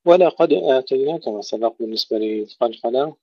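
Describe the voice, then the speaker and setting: A man teaching Quran recitation, reciting short phrases and then slowly explaining how each letter is pronounced. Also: medium pitch, slightly rough, no room sound. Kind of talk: tajweed lesson with recited examples. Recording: dull lo-fi recording.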